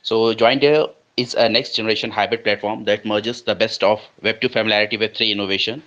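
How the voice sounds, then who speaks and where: A man pitching his project on an online audio call, his speech halting and full of fillers, the connection cutting out and choppy. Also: fairly even intonation, fairly bright tone, lo-fi sound. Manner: halting, slow, with many fillers. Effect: choppy audio from a cutting-out internet connection. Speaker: guest presenting a project. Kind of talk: brief scripted-sounding pitch on an audio call.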